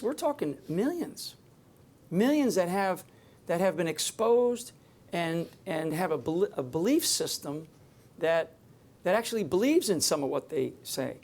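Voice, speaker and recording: A man gives an improvised talk on security to a live audience, speaking emphatically, drifting, and restarting his sentences often. His voice is high-pitched and a little mellow.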